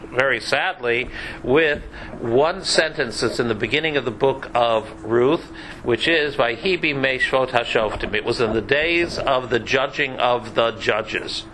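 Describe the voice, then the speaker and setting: A man's voice: medium pitch, pushed and bright, slight background noise, low-quality recording. A man giving a conversational Bible class lecture, chatty and sprinkled with dry joking asides. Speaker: Bible teacher.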